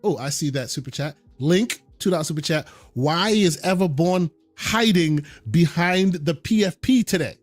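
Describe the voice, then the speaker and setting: Higher-voiced man hosting, halting and repetitive. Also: lively intonation, no echo, faint music behind. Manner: halting, often repeats words several times. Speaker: podcast host. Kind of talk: casual podcast sign-off chat.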